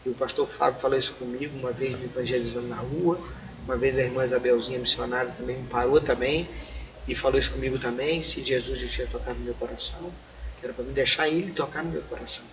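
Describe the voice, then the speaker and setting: A Brazilian man, an evangelist, telling his testimony in casual chat as a lively storyteller who keeps saying "rapaz" and acts out the dialogue. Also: mid-range voice, fast talker, a crowd in the background, low-quality recording. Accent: Brazilian Portuguese. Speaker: evangelist guest on a church podcast. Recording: clear background noise.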